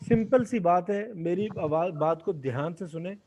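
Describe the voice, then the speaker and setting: A man's voice: sits high, a little mellow, a little hiss or hum. A man teaching Arabic grammar in an online class, putting questions to his students and having them answer aloud. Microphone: video call.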